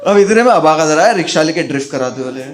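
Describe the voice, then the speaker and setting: A man doing stand-up, telling a childhood story in an animated way and acting out his friends' voices. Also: fairly high pitch, rapid-fire, heavy background noise. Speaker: stand-up comedian.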